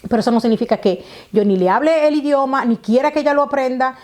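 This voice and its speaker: A woman talks straight to her camera in a relaxed home vlog. Her voice sits a little high yet sounds soft and dark-toned. She explains at length, circling back with fillers and repeated phrases. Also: fast. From Dominican Republic. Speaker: vlogger. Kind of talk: casual talk to camera.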